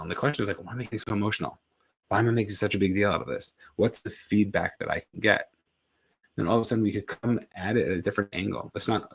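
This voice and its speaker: A man's voice: lowish voice, slightly rough. A man giving a casual motivational talk, rambling a little with restarts and filler words. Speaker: motivational speaker.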